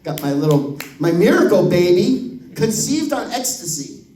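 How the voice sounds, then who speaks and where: A man's voice: sits high, moderate pace, recorded from a distance, slight background noise. A man in his fifties telling profane stand-up comedy stories, acting out other people's voices. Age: 50s. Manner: profane, animated, acts out voices. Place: comedy club stage. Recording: roomy echo, voice from the mic.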